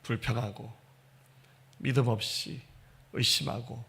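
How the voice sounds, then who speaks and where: A man preaching a sermon as pastor, telling the story with animated delivery and speaking straight to his congregation. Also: medium pitch, slow, gravelly. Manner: animated storytelling preaching, acting out quoted voices; addresses congregation directly.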